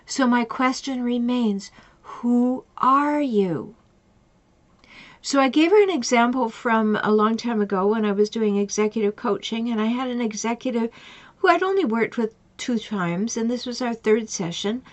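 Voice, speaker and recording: A woman's voice: fairly high pitch, moderate pace. A middle-aged woman coach giving advice in an earnest, emphatic way, repeating questions for effect. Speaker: relationship coach. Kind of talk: advice talk with retold conversations.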